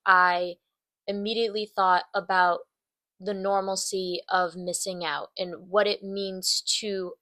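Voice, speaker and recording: A woman's voice: mid-range voice, fairly bright tone, no echo. A young woman hosting a podcast, interviewing her parents with upbeat, conversational questions. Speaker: podcast host.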